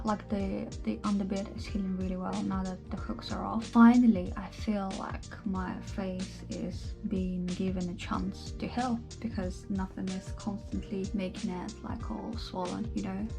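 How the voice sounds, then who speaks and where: A woman's voice: mid-range voice, level tone, unhurried, gravelly, hardly any pauses, warm tone, soft background music. A woman vlogging casually about her jaw surgery recovery, talking with a lisp from a swollen face and swearing now and then. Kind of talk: casual vlog chat. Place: home.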